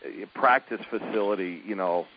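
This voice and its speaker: A middle-aged man, a college basketball coach, chats in an easygoing way with plenty of fillers, restarts and chuckles. His voice sits a little low. It comes through a dull, muffled line with a faint hiss behind it. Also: normal speed. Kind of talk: phone interview, casual chat.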